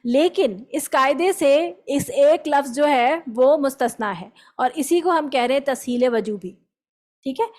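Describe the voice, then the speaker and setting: A woman teaching a tajweed lesson. She explains the rules step by step, often checks with her students, and recites example words slowly to show them. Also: high-pitched, a little mellow.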